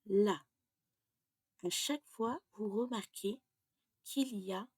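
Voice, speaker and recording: A woman teaching French pronunciation, explaining slowly and dropping to a half-whisper as she writes things down. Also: medium pitch, a little mellow, breathy edge, dry recording. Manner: slow and deliberate, often drops to a half-whisper while writing. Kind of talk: slow explanatory lesson while writing on a board.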